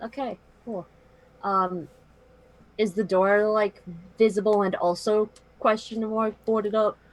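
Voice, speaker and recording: A woman's voice: medium pitch, steady tone, slow pace, low-quality recording. A woman playing a tabletop game, chatting casually and role-playing in an informal, breezy way.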